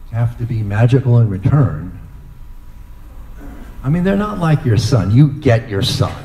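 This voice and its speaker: A middle-aged man giving a humorous father of the bride speech, telling stories slowly with deliberate dramatic pauses. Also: mid-range voice, dark tone, roomy sound, slight background noise, low-quality recording.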